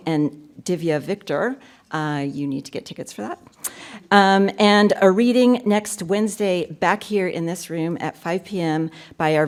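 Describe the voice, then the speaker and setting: A woman opening a university poetry reading, giving warm welcoming remarks and announcements into a podium mic. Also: on the low side. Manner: warm, gracious and upbeat, with filler ums. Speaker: event host introducing a poetry reading. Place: university lecture room.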